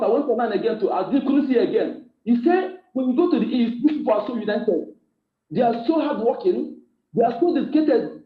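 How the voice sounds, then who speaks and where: A man, calling in over a bad phone connection played through a loudspeaker, lecturing listeners in an emphatic, repetitive way. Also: very high-pitched. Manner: emphatic, repetitive, urging listeners to note points. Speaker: phone-in guest speaker. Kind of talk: informal lecture to a live audience. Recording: echoey, muffled phone line over a speaker.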